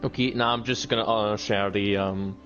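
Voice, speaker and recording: A man chatting casually about a sim race on a livestream, halting and full of fillers. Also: fairly low pitch, fairly even intonation, fairly bright tone, dull audio, soft background music. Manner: halting, with many fillers and restarts. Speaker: sim racing league driver.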